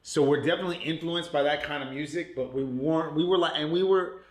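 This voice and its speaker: A man's voice: a little high, fast talker. A man from Puerto Rico, raised in New York, chatting loosely as a podcast guest, laughing often and leaning on "like" and "you know.". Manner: laid-back, laughs often, many "like" and "you know" fillers. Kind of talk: casual interview chat. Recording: roomy echo.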